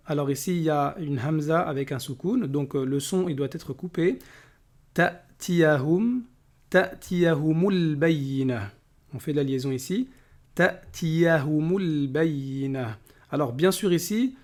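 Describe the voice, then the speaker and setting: A man with a fairly high voice teaches recitation in a patient, step-by-step way. He stretches out the recited words slowly and carefully, then returns to plain explanation. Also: a little mellow. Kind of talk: tajwid lesson, explaining and reciting.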